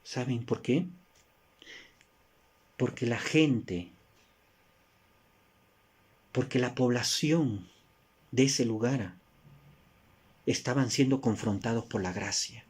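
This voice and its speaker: A man from Peru with a Peruvian Spanish accent preaching a sermon, asking rhetorical questions and moving between emphatic rises and soft drops. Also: medium pitch, takes it slowly, pauses often, breathy edge.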